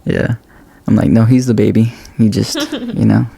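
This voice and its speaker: Man, 20s, podcast co-host, gravelly mellow tone, relaxed straight talk. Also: on the low side, normal speed. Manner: laid-back, frank, lots of "you know". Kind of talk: casual chat.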